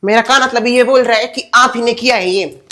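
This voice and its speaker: A chatty, complaining middle-aged housewife, acted by a man in a comedy sketch. She talks in a high voice and keeps accusing her neighbor. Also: a little fast, sharp tone.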